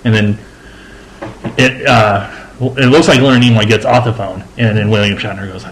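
A man co-hosting a casual podcast chat, retelling scenes lively and laughing easily. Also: lowish voice, moderate pace, a little hiss or hum, poor audio. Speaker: podcast co-host.

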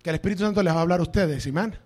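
A man's voice: high voice, rapid-fire. A male pastor preaching a sermon to a congregation in a church, emphatic and dropping into English phrases.

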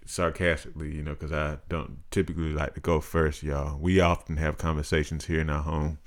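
A man in his thirties co-hosting a podcast, talking in a measured, reflective, casual way. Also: a bass voice, level tone. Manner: measured, reflective, practical-minded. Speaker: podcast co-host. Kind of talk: casual chat.

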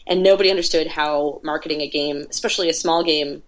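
Woman, lowish voice, casual interview talk, chatty, many fillers. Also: steady tone, fast. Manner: chatty storyteller, lots of filler words. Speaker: podcast guest, indie game PR producer.

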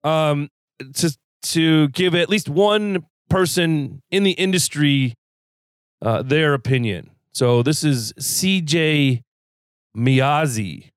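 A man hosting a casual podcast, wry and measured, putting many questions to his guests. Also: a little high, clear, resonant tone, dry recording, clean studio sound. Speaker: podcast host.

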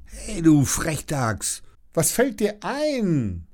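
A man voicing a curious, bold young girl in a children's storybook, with a bright, lively girlish tone. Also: on the high side, normal speed, pitched above the performer's own voice. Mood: excited. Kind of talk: storybook character voice.

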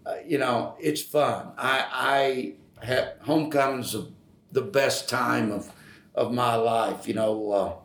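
Older man, slow, halting, lots of fillers, roomy echo. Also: medium pitch, a bit bright. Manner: halting, many fillers and restarts, emotional. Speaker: retired college staff guest. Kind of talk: podcast interview.

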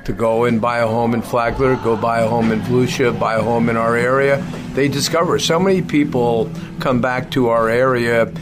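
A man's voice: mid-range voice, steady tone, moderate pace. A middle-aged or older man at a racetrack, talking casually and promotionally as an interview panelist. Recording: clear ambient racetrack noise. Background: racetrack ambience.

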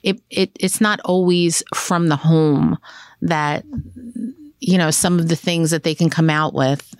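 A woman's voice: sits low, fairly even intonation, unhurried, dry recording, studio quality. A woman hosting a casual conversation, often answering with short agreeing replies. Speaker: host.

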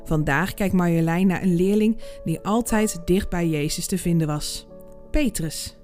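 A woman hosting a devotional podcast, reading a Bible passage and reflecting on it in a calm, measured way. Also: on the low side, faint music behind.

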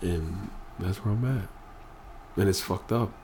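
A man with a very low, deep voice talks earnestly as a podcast guest, hammering points home by repeating phrases. He is still emotional after crying. A faint hiss sits under the recording. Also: measured pace, creaky, a little mellow. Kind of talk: emotional candid conversation.

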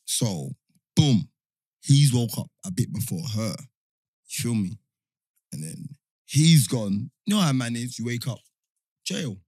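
A man's voice: mid-range voice, big pitch swings, a little slow, long pauses, darkish tone, breathy edge, dry recording. A man with a London roadman accent chatting casually in slang, telling stories on a close mic and often repeating himself to check you follow. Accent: London roadman, multicultural urban slang. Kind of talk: casual chat, slangy storytelling.

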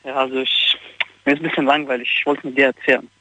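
A man calling in to a radio show, giving terse deadpan answers. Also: mid-range voice, fast talker. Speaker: caller. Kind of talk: phone call to a radio show. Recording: muffled dry phone line.

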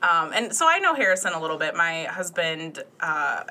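A young adult woman with a lowish voice tells a casual anecdote as a guest on a podcast. She speaks at a moderate pace and stays animated, acting out the quoted dialogue as she goes.

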